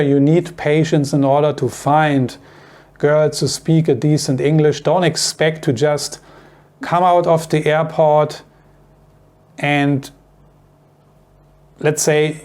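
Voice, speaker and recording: A German man with a strong accent, German being his native language, vlogs casually to the camera in a slightly high, somewhat mellow voice. He rambles and repeats himself, filling his talk with fillers and tags like "you know" and "right?"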